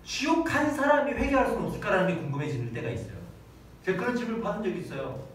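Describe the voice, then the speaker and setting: A man in his thirties preaches a Sunday sermon, dramatically acting out prayers and the voices of children. His voice is high and sing-song, rapid-fire, with a fairly bright tone. He was recorded with a distant mic in a large, very echoey church hall, with faint noise.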